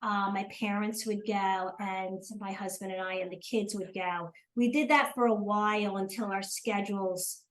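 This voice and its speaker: A woman's voice: mid-range voice, fairly even intonation, normal speed, hardly any pauses, rough recording. An older woman from South Jersey with a South Jersey accent, chatting as an interview guest, hesitant with many ums and restarts. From South Jersey, USA. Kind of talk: casual interview chat.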